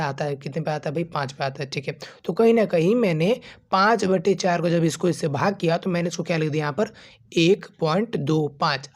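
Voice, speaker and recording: A man teaching a maths lesson to students, explaining step by step and asking and answering his own questions in a casual, friendly way. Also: fairly high pitch. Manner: informal, calls students 'bachche' and 'bhai'. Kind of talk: classroom-style video lesson.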